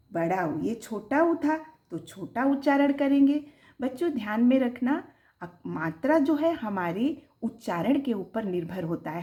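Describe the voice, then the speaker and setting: Woman teacher for a children's lesson: slow and drawn-out, lively sing-song pitch, sounding out syllables. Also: dull audio. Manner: sing-song, rising on the example words.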